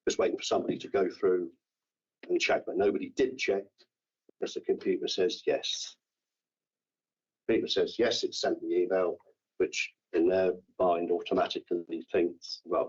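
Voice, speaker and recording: A man with a very deep, husky voice gives halting testimony at a formal hearing. He stumbles and repeats words as he explains himself. The sound is dull and lo-fi. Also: a little mellow. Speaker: councillor under investigation. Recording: dull lo-fi meeting room audio.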